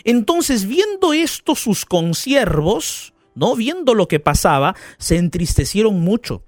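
A male pastor giving a radio sermon, retelling a parable with animated storytelling and asking the listener questions. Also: sits high, takes it slowly, dry recording.

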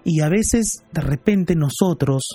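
A man speaking as a pastor, gently and earnestly telling a story and addressing listeners. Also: on the high side, lively intonation, slow pace, husky, faint music behind. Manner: earnest, gentle, retells dialogue. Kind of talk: radio-style pastoral talk.

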